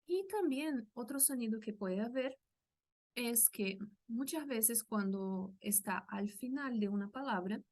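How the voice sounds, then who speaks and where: A Brazilian woman with a Portuguese accent teaches a language lesson at an unhurried, deliberate pace. Her voice sits a little high, and she explains patiently, pausing to say each sound aloud for her learners. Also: lively intonation, a little mellow.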